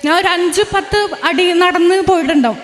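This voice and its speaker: Very high-voiced young woman in a hall. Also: brisk, fairly bright tone, a little hiss or hum. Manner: earnest, retelling events with many restarts. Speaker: testimony giver. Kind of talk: emotional religious testimony. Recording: long hall reverb.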